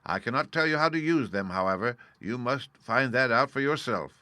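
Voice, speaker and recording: A man's voice: mid-range voice, animated, moderate pace, bright, forceful tone, dry recording. Man reading as a meek humbug wizard. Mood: confiding.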